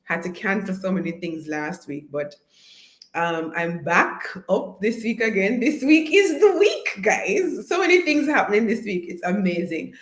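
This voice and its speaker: A woman, hoarse after an illness, talks casually to viewers on her live stream and greets them by name as she coaches. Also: medium pitch, expressive, measured pace. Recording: roomy echo.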